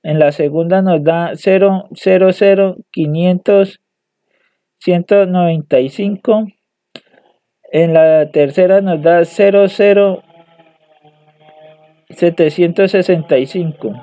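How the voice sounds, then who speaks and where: A man's voice: high-pitched, fairly even intonation, takes it slowly, pauses often, dark tone, dry recording. A young man presenting homework, hesitantly reading out calculation results and often restarting his words. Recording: dry tinny phone-like audio.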